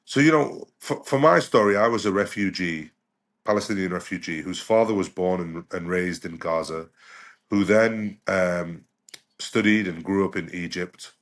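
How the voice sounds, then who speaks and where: A middle-aged British man with a low voice speaks at a moderate pace. He is a doctor appearing as a podcast guest, talking in a reflective, conversational way, often saying "you know" and restarting his sentences.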